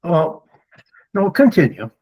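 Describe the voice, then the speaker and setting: Husky, hesitant man on a video call. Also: a little high, big pitch swings, darkish tone, rough recording. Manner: hesitant, halting speech. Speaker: webinar participant. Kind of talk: casual recollection.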